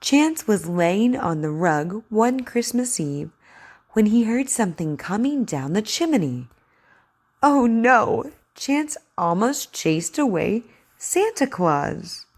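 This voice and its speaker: An encouraging woman teacher gives a read-aloud lesson for children. She speaks slowly and over-enunciates, setting each word out deliberately. Her pitch moves in lively swings. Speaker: speech articulation teacher.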